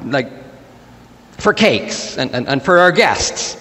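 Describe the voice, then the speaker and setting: A man's voice: medium pitch, very animated, takes it slowly, pushed and bright, in a large hall, exaggerated voice. A man voicing a flustered, very old man who fusses and hesitates while hosting guests.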